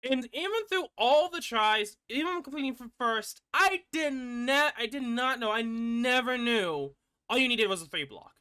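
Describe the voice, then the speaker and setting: Bright lively man rambling about a game. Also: extremely high pitch, a little slow, clear, resonant tone, no room sound, clean studio sound. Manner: rambling, restarts often, swears casually. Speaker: gaming channel host. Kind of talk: casual gameplay commentary.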